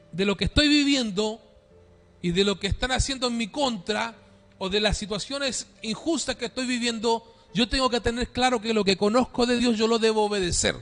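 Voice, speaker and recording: A man's voice: extremely high pitch, fairly bright tone. A man preaching a sermon as pastor to his congregation, asking rhetorical questions and calling for amens. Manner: dynamic preaching, calls for amen, rhetorical questions. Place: church.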